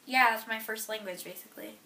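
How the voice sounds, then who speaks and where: A teenage girl answers interview questions in a slightly high, gravelly voice that sounds pushed and bright, and she talks fast. She's casual and chatty, leaning on lots of fillers and letting her thoughts trail off at the end.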